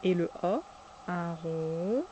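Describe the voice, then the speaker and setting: A preschool teacher slowly demonstrating cursive letter by letter, patiently naming each stroke aloud. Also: mid-range voice, mellow, a little hiss or hum. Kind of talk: step-by-step handwriting demonstration.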